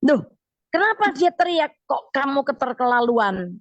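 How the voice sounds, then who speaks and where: A woman's voice: high voice, big pitch swings, measured pace, no room sound, muffled recording. A woman voicing a bewildered husband in a story, in a puzzled questioning tone. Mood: confused. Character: bewildered husband caught off guard.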